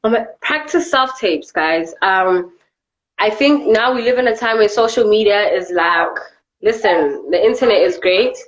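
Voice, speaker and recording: A woman's voice: mid-range voice, unhurried, lo-fi sound. A South African actress talking casually as an interview guest, chatty and peppering her talk with "you know". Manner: chatty, filler-heavy, repeats "you know".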